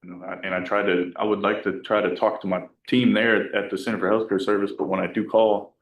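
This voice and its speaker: A man speaks as a defendant, hesitant and soft-spoken, often restarting his sentences. His voice is very low and flat, and it reaches the mic from far off in an echoey courtroom. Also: quick pace. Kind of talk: answering in court.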